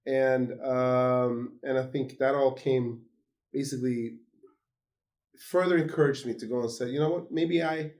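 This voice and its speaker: A man's voice: medium pitch, steady tone, measured pace, a little mellow. A man from Sweden, an author, talking animatedly as a phone interview guest with many fillers. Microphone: phone call.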